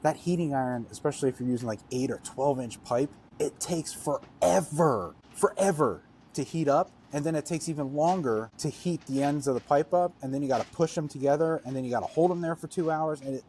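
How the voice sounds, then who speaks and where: A man's voice: on the high side, a little fast, a little mellow, a little hiss or hum. A man co-hosting a podcast, a welder thinking aloud and spitballing ideas in casual chat. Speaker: podcast co-host; welder working on gas pipe procedures.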